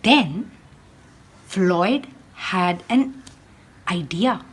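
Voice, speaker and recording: Slowly and expressively, a teacher whose voice is on the low side and slightly rough tells a picture-book story to children, addressing them directly.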